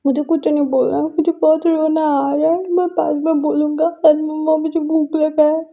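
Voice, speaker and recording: A woman's voice: fairly even intonation, normal speed, creaky, lo-fi sound. A woman doing a sobbing, whiny young man. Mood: tearful, whining. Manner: high, tearful and whiny. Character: heartbroken young man sobbing to his in-laws.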